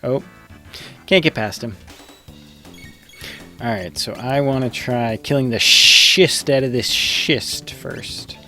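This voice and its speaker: A man's voice: mid-range voice, expressive, takes it slowly, pauses often, pushed and bright, faint music behind. A man giving casual, rambling live commentary as he plays a video game, thinking aloud.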